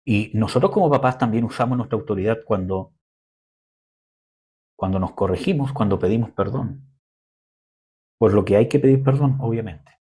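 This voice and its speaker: A young man preaching a sermon in a conversational way, often pausing with fillers. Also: lowish voice, warm tone, slightly rough. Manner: conversational preaching, frequent "¿cómo se llama?" fillers.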